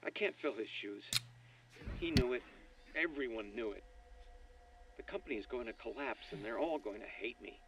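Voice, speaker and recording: A man's voice: mid-range voice, expressive, normal speed, long pauses, a bit bright, lo-fi sound. An actor playing an anxious young man who has inherited a toy company, speaking in a shaky, self-doubting way, heard as game audio. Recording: game audio, distant with faint noise.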